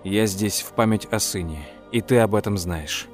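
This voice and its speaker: A man's voice: fairly low pitch, moderate pace, faint music behind, close to an everyday voice. A man reading an audiobook, voicing a weary old count who speaks in curt, dry phrases. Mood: stern.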